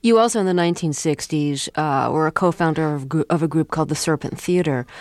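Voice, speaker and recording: A woman interviewer asking measured questions, phrasing them carefully and a little hesitantly. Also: deep voice, darkish tone, no echo.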